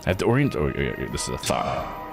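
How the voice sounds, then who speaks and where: A video game streamer does casual let's play commentary over game music, thinking aloud and reading game text out. His gravelly voice rumbles low, with a sing-song lilt and a quick pace.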